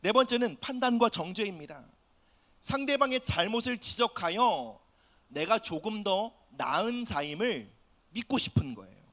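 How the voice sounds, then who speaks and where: Bright, lively-voiced man preaching. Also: high voice, normal speed. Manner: earnest preaching, drops to soft near-whispers on key phrases; acts out quoted family voices in his preaching. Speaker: pastor. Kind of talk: sermon.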